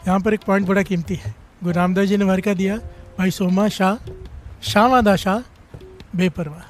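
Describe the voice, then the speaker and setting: A man preaches a story-driven sermon in a high voice. He keeps prompting the congregation to answer him aloud. Soft music plays faintly behind him. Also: flat delivery, quick pace. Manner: repeatedly calls on the congregation to respond. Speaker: Sikh preacher giving katha.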